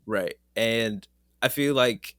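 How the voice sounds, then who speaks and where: A man's voice: on the low side, slow, fairly bright tone, smooth, no room sound. Laid-back man hosting a podcast, dry sound. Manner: laid-back, laughs often, slangy. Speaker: podcast host. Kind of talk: casual chat.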